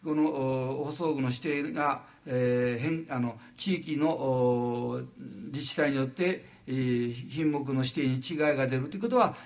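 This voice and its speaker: An older man from Japan giving a lecture, halting with frequent fillers and lively asides. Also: mid-range voice. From Wajima, Noto Peninsula, Japan.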